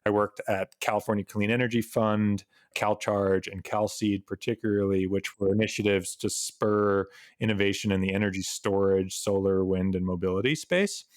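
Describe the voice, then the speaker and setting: A young man who works at an ocean nonprofit, giving an earnest, conversational panel answer with soft laughs. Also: on the low side, steady tone, moderate pace, few pauses, no echo, clean studio sound. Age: young adult.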